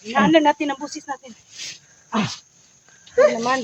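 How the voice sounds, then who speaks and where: A woman vlogger stepping in to calm two arguing friends. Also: high voice, moderate pace, lo-fi sound, a little hiss or hum. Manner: pleading, peacemaking. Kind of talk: mediating a staged argument.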